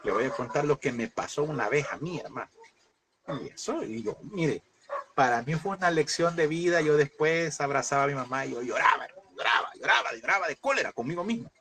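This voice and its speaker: A man's voice: on the high side, animated, brisk, bright, forceful tone, a little hiss or hum. A man, a pastor preaching a lesson, telling a personal story and fervently calling his listeners brother.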